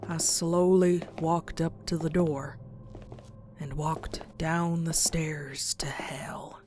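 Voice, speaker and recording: Over some background noise, a woman with a low, flat delivery narrates a horror comic dub as a frightened pony. The feel is hushed dread: slow, dramatic, suspenseful, with breathy whispered stretches.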